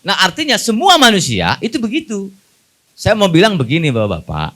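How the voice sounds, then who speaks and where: A Betawi-accented preacher giving a lighthearted sermon at a mosque gathering. His pitch swings widely as he jokes and keeps quizzing the listeners in casual street talk. His voice sits a little high for a man. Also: wildly swooping pitch, fairly quick, a bit bright. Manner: jokey, colloquial, asks the audience questions. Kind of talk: humorous sermon.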